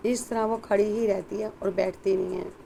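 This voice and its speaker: A woman narrates a story in a low-key, reflective manner. Her voice is mellow and gravelly with little rise and fall, over a faint background hiss. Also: steady tone. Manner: slow, reflective storytelling with soft quoted lines.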